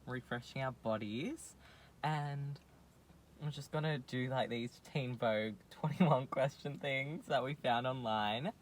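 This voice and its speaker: A man's voice: medium pitch, unhurried, a little hiss or hum. A young man, casually chatting and rambling through a story, full of fillers. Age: young adult. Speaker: vlogger. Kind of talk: casual chat.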